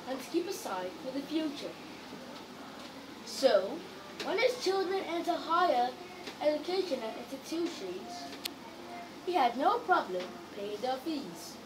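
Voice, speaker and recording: A young girl with a Nigerian accent reads a story expressively, stressing words with exaggerated, deliberate storytelling intonation. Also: sits high. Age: child. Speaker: young reader. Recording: noisy, distant microphone.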